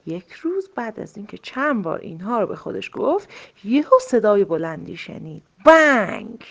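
A woman narrating a children's story with expressive, dramatic storytelling. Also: medium pitch, gravelly, dull audio.

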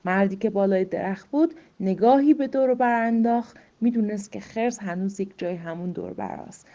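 Woman storyteller, slow suspenseful reading, whispery drops, mellow dark tone, muffled lo-fi sound. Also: mid-range voice. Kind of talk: dramatic story narration. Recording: muffled lo-fi recording.

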